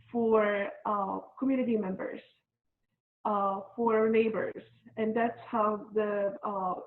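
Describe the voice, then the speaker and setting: Tinny-sounding middle-aged woman, hesitant. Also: mid-range voice. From Bosnia and Herzegovina. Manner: hesitant, many fillers and restarts. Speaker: interview guest, volunteer mask maker. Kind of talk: casual interview. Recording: tinny phone-like line.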